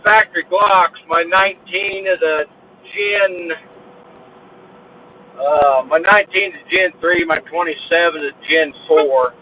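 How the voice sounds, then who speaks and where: A man's voice: a little high, fairly even intonation, measured pace, pushed and bright. A man driving a truck, chatting casually with viewers of his live stream and greeting them by name. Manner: drawling, talks to chat viewers by name. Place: truck cab on the road. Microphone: phone. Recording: dull phone recording with road noise.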